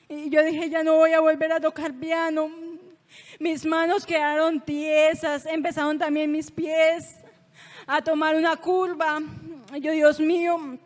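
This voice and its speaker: A young woman with a high, light voice tells her faith testimony in a halting, emotional way, often stumbling and restarting. Her words ring out with the long reverb of a church sanctuary. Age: young adult. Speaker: church youth member giving testimony.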